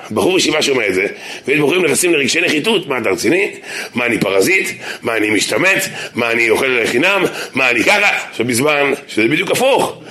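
A man who is a rabbi, giving a humorous Torah lesson in a synagogue. He speaks animatedly and jokes, swinging between loud shouts and low asides.

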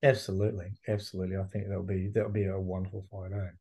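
A man with a New Zealand accent and a mellow, slightly low voice. He co-hosts a combat sports podcast, talking casually in blokey slang. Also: little pitch movement, fast, husky. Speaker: podcast co-host.

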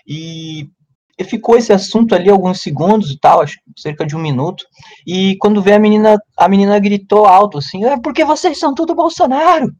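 A man, telling a story in casual podcast chat and acting out quotes in a loud, high voice. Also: brisk, highs cut off. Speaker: podcast co-host.

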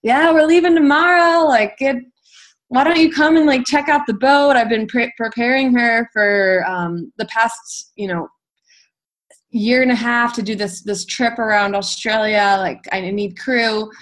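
A woman putting on a rough, wild sailor man, eager to get going, his voice pitched up high and pushed out loud. He talks in a quick, excited rush. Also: lightly acted, rough recording. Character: wild, shaggy male sailor, rough and keen.

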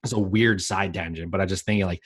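A man's voice: sits low, fairly even intonation, a little fast, breathy edge, dry recording, studio quality. A man in his late twenties co-hosting a podcast, rambling casually with lots of filler words and easy laughs. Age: late 20s. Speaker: podcast co-host. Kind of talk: casual chat.

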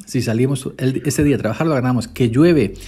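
Chatty farmhand podcaster. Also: male voice, mid-range voice, a little fast, mellow, slightly rough. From Spain. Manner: chatty, eats while talking. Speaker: podcast host, farm day laborer. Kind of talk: casual rambling podcast monologue.

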